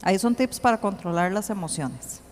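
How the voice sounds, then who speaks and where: A woman giving an earnest church teaching, slowing to read scripture aloud. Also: medium pitch, expressive, darkish tone, slight background noise. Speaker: church speaker. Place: church hall. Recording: long hall reverb.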